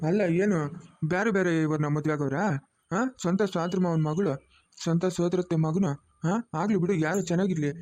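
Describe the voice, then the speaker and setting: A man's voice: high voice, darkish tone. A man with a rural Chikkaballapur Kannada accent, playing a blunt villager who keeps scolding. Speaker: son-in-law in a family drama. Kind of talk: village web-series acting.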